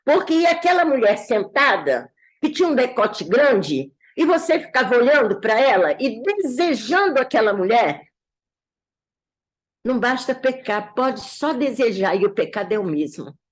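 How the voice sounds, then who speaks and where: Woman pastor, slightly high voice, animated church teaching with storytelling. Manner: animated, acts out quoted voices in a folksy tale. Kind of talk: sermon lesson with storytelling. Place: church classroom.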